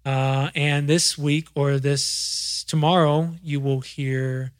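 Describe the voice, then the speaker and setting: Laid-back man, slightly higher voice. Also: level tone, slow, dry recording, studio quality. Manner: loose, swearing, repeats words as he restarts. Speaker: podcast host and DJ. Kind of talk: casual podcast chat.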